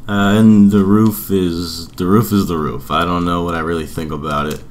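A man's voice: sits low, fairly even intonation, normal speed. A young man giving informal, rambling commentary on a game build, as a video creator.

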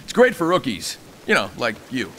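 A cocky wisecracking game squadmate. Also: male voice, medium pitch, huge pitch swings, normal speed, pushed and bright, slight background noise. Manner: teasing, joking, bouncy delivery. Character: cocky wisecracking male squadmate coaching a rookie. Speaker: tutorial guide character. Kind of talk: game voice acting.

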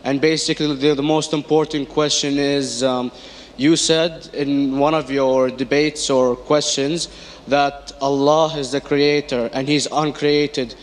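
A man's voice: mid-range voice, fairly even intonation, unhurried, slight background noise. A man from Iraq asking a question from an audience, hesitant with many fillers. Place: lecture hall audience.

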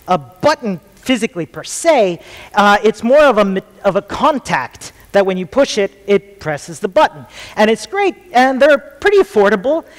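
Chilean guy in his 30s giving a jokey tech talk, higher voice, lots of ums, big echoey theatre. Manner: jokey, chatty, many ums. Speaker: conference speaker. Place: large theatre stage. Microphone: headset mic. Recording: long hall reverb.

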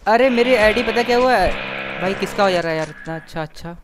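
High-voiced young man calling out gameplay. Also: background noise. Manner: shouts quick repeated callouts during fights. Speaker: game streamer. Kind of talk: live gaming stream chat.

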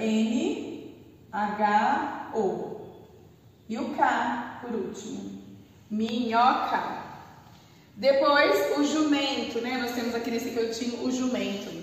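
A woman teaching first graders in a slow, patient way, spelling words out letter by letter, with a Brazilian Portuguese accent and a strong rolled R. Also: fairly high pitch. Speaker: primary school teacher. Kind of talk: remote class for first graders. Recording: echoey room, voice from far off.

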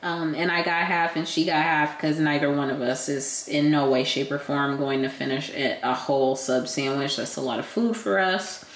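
Slightly raspy woman vlogging, low voice. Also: normal speed, few pauses, reverberant. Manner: chatty, relaxed, frequent ums. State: recovering from illness, a bit hoarse. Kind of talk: casual vlog chat to camera. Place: at home, indoors.

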